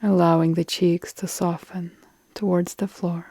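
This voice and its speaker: A yoga nidra meditation guide, a woman with a lowish, husky voice, leads a relaxation meditation calmly, soothingly, and deliberately. She leaves long pauses, and her soft phrases trail off into breath. The audio has no echo.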